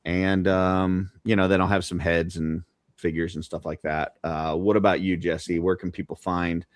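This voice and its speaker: A man in his forties co-hosting a casual chat, relaxed and halting as he talks. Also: low-pitched, no echo. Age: 40s. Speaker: co-host.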